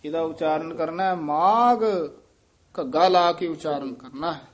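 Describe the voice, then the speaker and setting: A man teaching the correct pronunciation of scripture, patiently correcting students and modeling each word slowly. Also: fairly high pitch. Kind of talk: pronunciation instruction.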